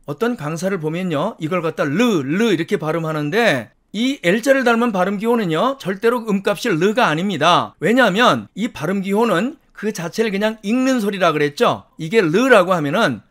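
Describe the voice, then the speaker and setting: A man teaching English pronunciation in a lecture, explaining slowly and deliberately and repeating practice words several times. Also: sits high, expressive, a bit bright. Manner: slow, deliberate explanations with repeated word drills.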